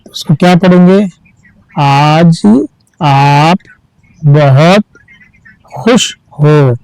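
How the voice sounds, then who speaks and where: A man teaching reading, spelling each word out letter by letter and then reading it slowly and patiently. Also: fairly high pitch, a little mellow, smooth, no echo, rough recording. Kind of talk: slow letter-by-letter reading lesson.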